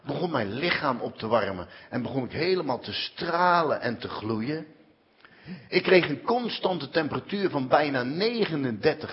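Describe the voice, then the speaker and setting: Dramatic male testimony storyteller, lo-fi. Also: mid-range voice. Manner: dramatic storyteller, peppers speech with "hé". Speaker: former prisoner giving a personal testimony. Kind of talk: emotional personal testimony.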